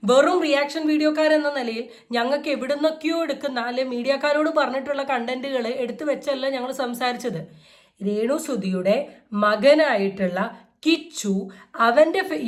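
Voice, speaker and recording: High-voiced sarcastic woman vlogger. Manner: sarcastic, mocking, energetic. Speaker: vlogger hosting a reaction channel. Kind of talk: casual reaction commentary.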